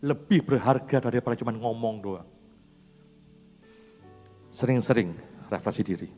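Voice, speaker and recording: A man's voice: mid-range voice, moderate pace, dark tone. A man, a pastor, preaching a sermon in a chatty storytelling manner and laughing often. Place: church hall. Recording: reverberant church hall, faint music.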